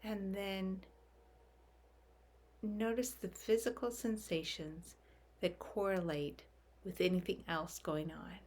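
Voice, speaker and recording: A woman with a medium-pitched voice guides a meditation, speaking gently, softly and without hurry. She leaves long, calming pauses.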